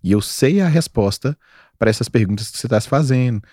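A male doctor guest in his forties, Brazilian Portuguese accent, speaks fairly quickly at a medium pitch on a laid-back podcast. Slangy emphasis colors his animated storytelling, and the clean studio recording carries no room sound.

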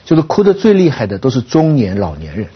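Husky, animated man in his fifties. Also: quick pace, highs cut off. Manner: animated storyteller, lively pitch. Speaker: guest commentator. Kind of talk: casual panel chat.

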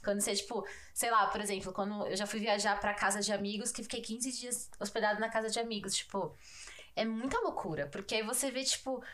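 A woman's voice: medium pitch, steady tone, fast, a bit bright. Slangy São Paulo woman chatting. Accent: São Paulo Brazilian Portuguese. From São Paulo state, Brazil. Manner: slangy, fills speech with "tipo" and "né". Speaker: podcast co-host. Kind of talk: casual chat.

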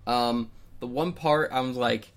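A man's voice: mid-range voice, unhurried. A young man co-hosting a podcast, chatting casually and rambling with lots of "like" fillers. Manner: rambling, many "like" fillers and restarts. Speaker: podcast co-host. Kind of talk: casual chat.

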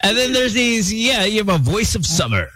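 A man's voice: high-pitched, sing-song, normal speed, pushed and bright, no echo. A man with a Filipino accent, a radio DJ bantering casually on air and mixing in Tagalog. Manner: joking, switches between English and Tagalog, mimics DJ voices.

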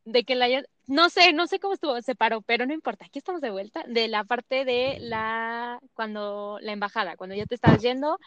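A woman's voice: a little high, fairly quick, few pauses, a bit bright, no room sound, lo-fi sound. A Mexican woman hosting a casual interview, chatty and encouraging as she asks her guest questions. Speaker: host.

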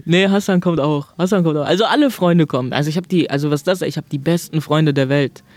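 A man's voice: fairly high pitch, fast talker, darkish tone. A young man, a comedian guest, telling stories in casual chat, laughing often and acting out his friends' lines.

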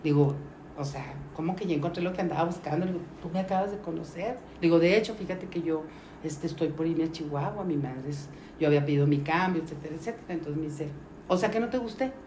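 A woman's voice: low-pitched, fast. A middle-aged woman with a Mexican accent, a podcast guest casually telling a story and acting out the voices of the people in it. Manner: lively, acts out the voices of people in her story. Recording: roomy recording with faint noise.

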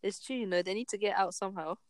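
A young woman co-hosting a podcast, chatting in slang, rambling and steering the topics. Her voice sits at a middle pitch and sounds dry and close. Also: fast, dry recording. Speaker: podcast co-host. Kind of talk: casual chat.

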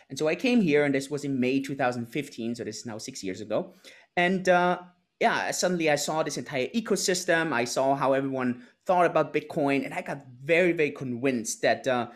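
Man on a video call. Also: on the high side. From Austria. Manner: conversational, frequent fillers and restarts. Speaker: guest, entrepreneur. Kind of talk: interview answers.

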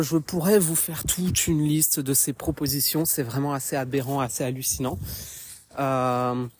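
A slightly high-pitched man from France talks casually as he walks through a small wood outdoors. He hesitates often and fills gaps with filler sounds. He records it as a voice message on his phone. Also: a little mellow, a little hiss or hum. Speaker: podcast contributor. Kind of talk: casual spoken commentary.

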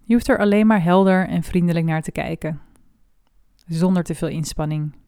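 A woman leading a guided body scan meditation, speaking slowly and softly with long pauses. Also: lowish voice, clean tone, no echo, clean studio sound. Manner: slow, soft and calm with long pauses.

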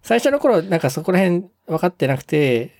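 A man co-hosting a casual podcast, polite and a little hesitant, pausing on fillers. His voice is mellow and dark but moves lively in pitch. The sound is dry and close. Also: no room sound. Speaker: podcast co-host.

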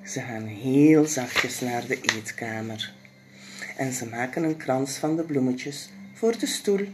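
A woman reading a children's story aloud, expressive and sometimes dropping into soft whispers. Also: rumbling low, slow pace, background noise.

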